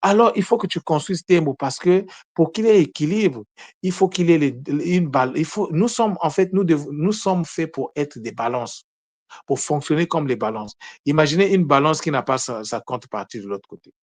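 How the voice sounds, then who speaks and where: A man's voice: a little high, animated, normal speed, no echo. Earnest man teaching in a dry, close sound. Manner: earnest, repeats words and restarts phrases often. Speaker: spiritual teacher. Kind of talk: unprepared spiritual teaching talk.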